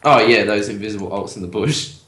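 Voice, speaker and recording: A man's voice: on the low side, fairly quick, fairly bright tone. A teenage boy with an Australian accent, casting a school esports match, rambling and searching for words. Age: teens. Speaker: student shoutcaster. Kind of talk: casual esports commentary. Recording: echoey room, faint noise, clicks.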